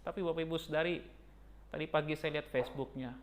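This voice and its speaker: A man, a pastor preaching a sermon with lively storytelling that jumps to a high, excited pitch. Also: quick pace.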